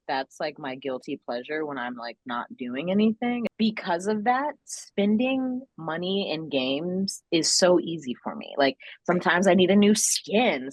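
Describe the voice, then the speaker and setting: A woman's voice: on the low side, dry recording. A woman guest in a casual podcast chat, talking playfully and rambling with frequent laughter.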